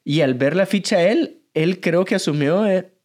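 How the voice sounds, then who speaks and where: A man in his thirties with a Guatemalan Spanish accent, co-hosting a casual podcast, explaining things with a lively manner and frequent laughs. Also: sits high, unhurried. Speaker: podcast co-host, father, church member.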